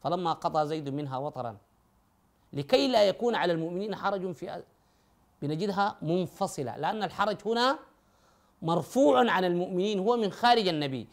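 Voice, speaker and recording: A man's voice: high voice, lively intonation, fast talker, vocal fry. Man giving a methodical lecture. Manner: methodical, addresses listeners directly, recites verses. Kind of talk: explanatory religious lecture.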